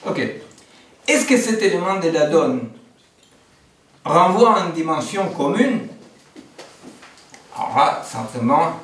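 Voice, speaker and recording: With a fairly high, fairly bright voice and big pitch swings, an Argentine man delivers a slow philosophy seminar lecture full of long pauses. He digresses, relies on fillers, and poses rhetorical "n'est-ce pas" questions, heard through a distant mic in a roomy room.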